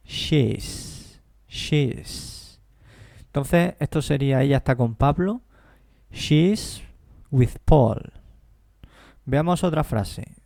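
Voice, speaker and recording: A man teaching a language lesson, explaining slowly and carefully and repeating example phrases. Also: medium pitch, vocal fry, mellow, dry recording, studio quality. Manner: slow, careful explanations with deliberate English examples. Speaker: English teacher. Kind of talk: classroom-style language lesson.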